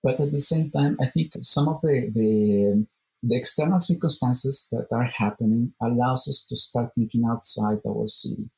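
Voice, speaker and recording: A man sits for an interview about the meetup he runs. He talks in an unhurried, thoughtful way and doubles back on words as he searches for what he means. His pitch sits in the middle range for a man. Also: fairly bright tone, poor audio. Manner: thoughtful, repeats words while searching for phrasing. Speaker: meetup organizer, interview guest. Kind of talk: casual interview conversation.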